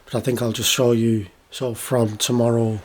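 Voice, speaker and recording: A British man chats to camera in a mellow, low-key voice. His delivery is matter-of-fact and stays very even in pitch. There is clear background noise around his casual vlog talk. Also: normal speed. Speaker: vlogger.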